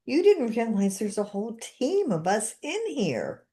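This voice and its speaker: A therapist in her seventies hosts a podcast, her slightly high, mellow voice very animated yet measured in pace. She keeps things casual and repeats guided phrases after her guest.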